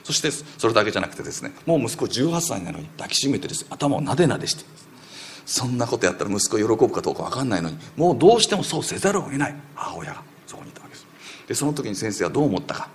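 A man preaching a sermon as a story, animated, sometimes acting out quoted voices and dropping to a whisper. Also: mid-range voice, rapid-fire, slight background noise.

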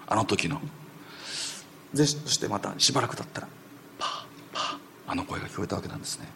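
A man preaching a sermon as a story, animated, sometimes acting out quoted voices and dropping to a whisper. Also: on the low side, quick pace, vocal fry, a little hiss or hum.

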